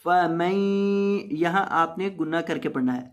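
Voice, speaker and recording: A man teaching Quran recitation, patiently explaining each sound step by step and chanting the words slowly. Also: high-pitched. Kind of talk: tajweed lesson with slow recitation.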